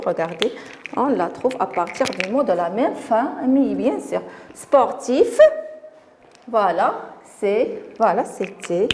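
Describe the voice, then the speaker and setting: Female teacher, unhurried classroom delivery, repeats and stresses words, mid pitch. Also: a little mellow, a little hiss or hum. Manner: slow, deliberate, repeats and stresses words for pupils. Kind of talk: classroom spelling lesson.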